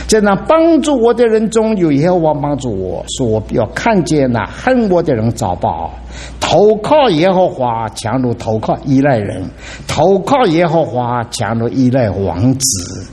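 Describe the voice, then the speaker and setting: A middle-aged man preaching a sermon as pastor, with dramatic exclamations and an animated delivery. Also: mid-range voice, a little slow, slight background noise.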